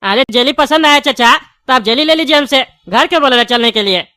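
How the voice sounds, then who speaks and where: A woman's voice: high voice, a little fast, sharp tone, a little hiss or hum. A woman voicing a brash cartoon shopkeeper. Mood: bantering. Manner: blunt, bantering, argumentative. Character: brash male sweet-shop owner, quick to argue.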